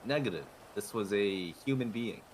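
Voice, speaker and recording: A man's voice: on the low side, lively intonation, normal speed, slight background noise, natural voice, low-quality recording. A man playing a stiff, robotic man. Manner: stiff, formal, mechanical phrasing. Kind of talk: improvised role-play in a game.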